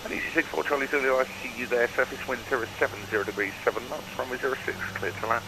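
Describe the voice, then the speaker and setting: A man's voice: medium pitch, racing. A man working as an air traffic controller, giving procedural instructions over the radio. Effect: radio transmission. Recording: radio transmission with faint noise.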